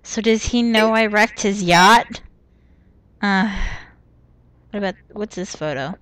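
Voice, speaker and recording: A woman's voice: mid-range voice, takes it slowly, fairly bright tone, clean tone, no room sound. A young woman casually commenting on a game she is playing, mumbling and thinking aloud. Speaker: let's play gamer.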